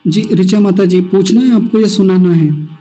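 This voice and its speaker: A man teaching Sanskrit verse pronunciation in an online class, slowly drilling each syllable and having students repeat after him. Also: sits high, dark tone, faint music behind, low-quality recording. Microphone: video call.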